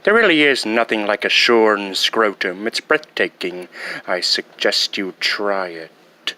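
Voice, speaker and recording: A man voicing a pompous, petty, self-pitying evil mastermind from a comedy film, speaking deliberately with over-enunciated words and dramatic pauses. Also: fairly low pitch, expressive, bright, forceful tone, voice pushed down, full character voice. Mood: smug, reflective. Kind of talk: comic film villain impression.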